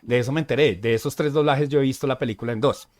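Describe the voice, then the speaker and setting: A man co-hosting a casual podcast, chatty and easygoing, who often pauses on "eh" and checks in with "¿sí?". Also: mid-range voice, a little mellow. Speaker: podcast co-host.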